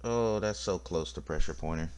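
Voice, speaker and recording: A man's voice: low-pitched, normal speed, a little mellow, slight background noise. A man giving casual, joking gameplay commentary and teasing himself as he plays. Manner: joking, playful, self-mocking. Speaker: let's-play gamer. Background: faint game music.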